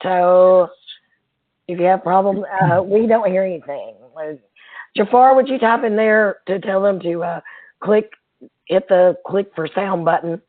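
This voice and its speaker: A woman with a hoarse, froggy voice co-hosting a casual live webinar. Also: medium pitch, measured pace. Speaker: webinar co-host. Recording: tinny, phone-like band-limited webinar audio.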